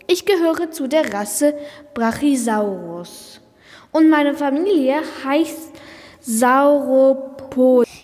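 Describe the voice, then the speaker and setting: A woman's voice: sits high, slow pace, a little mellow, in a large hall. A young speaker voicing a friendly female Brachiosaurus who patiently explains facts in a children's podcast play. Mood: friendly explaining. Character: friendly female Brachiosaurus, calm plant-eater.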